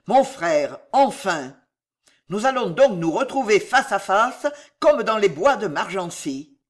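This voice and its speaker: A reader voicing a valiant noble marshal who commands his men with booming shouts, in a storybook reading. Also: very animated, unhurried. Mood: defiant.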